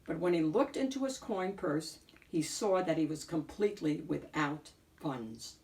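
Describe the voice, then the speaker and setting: A woman reads a children's picture book aloud as a storyteller, in an expressive style with deliberate, dramatic emphasis. Her voice sits low, and she is recorded from a distance.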